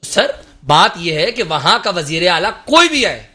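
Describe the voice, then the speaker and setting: A man's voice: high voice, big pitch swings, pushed and bright. A man from Karachi, a guest on a political talk show, arguing in an impassioned, emphatic, rhetorical way. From Karachi, Pakistan.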